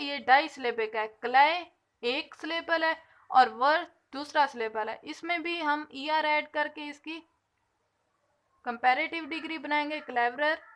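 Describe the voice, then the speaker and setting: A woman teaching an English grammar lesson, explaining patiently and slowly stretching out the example words. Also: high voice, a bit bright.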